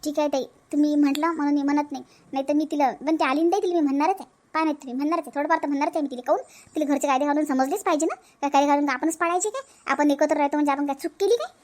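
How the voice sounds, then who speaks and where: A high, girlish voice plays a grumbling, jealous sister-in-law, as a woman dubs her. She airs her resentment in a Vidarbha Marathi accent. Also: rapid-fire, a little mellow, lightly acted. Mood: resentful.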